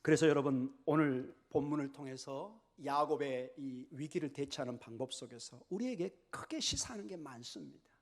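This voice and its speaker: A man preaching a sermon as a pastor in a church, telling a story with lively acted-out voices and sudden whispers. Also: medium pitch, moderate pace. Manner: animated storytelling, acts out characters, drops to whispers. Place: church sanctuary.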